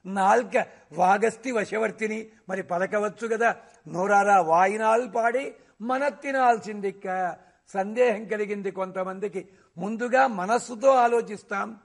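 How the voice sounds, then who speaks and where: A man giving a devotional discourse on scripture. He recites verses slowly and asks rhetorical questions that he then answers himself. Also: sits high, vocal fry. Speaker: religious discourse speaker.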